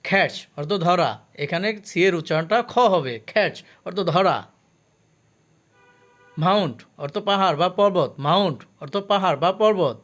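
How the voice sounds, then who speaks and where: A Bangladeshi man with a high, fairly bright voice teaches English words in a slow, careful drill. Each word and its meaning comes twice, with stops to explain pronunciation.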